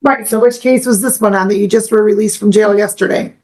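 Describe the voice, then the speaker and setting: A woman's voice: mid-range voice, fairly even intonation, a little fast, darkish tone. A young woman judge speaking firmly and stating procedure in court. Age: young adult. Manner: firm, stern, procedural.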